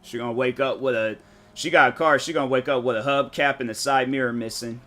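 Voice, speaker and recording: Slangy, animated male gaming streamer. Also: medium pitch, fast talker. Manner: rambling storytelling, slangy, animated, mock-quotes people. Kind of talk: casual chat while streaming a game.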